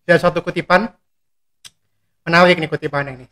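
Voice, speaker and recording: A man's voice: a little high, fairly even intonation, fairly quick, sharp tone. A young adult man, a pastor, chatting casually about faith in slang and acting out prayers in quoted voices. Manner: slangy Jakarta-style talk, acts out prayers in quoted voices. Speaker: pastor and guest.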